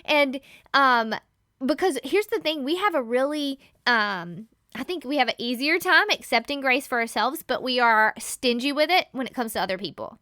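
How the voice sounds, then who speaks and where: A woman giving a casual Bible teaching as a podcast host, animated and laughing often as she acts out everyday scenes. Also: high voice, normal speed, no room sound, studio quality.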